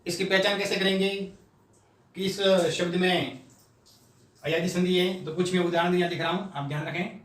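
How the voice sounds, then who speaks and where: A man's voice: high voice, steady tone, fairly bright tone, distant mic. A man teaching a grammar lesson at a board, explaining step by step and sounding out syllables one at a time. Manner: slow, step-by-step explaining, repeating syllables aloud. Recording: echoey room, voice off-mic.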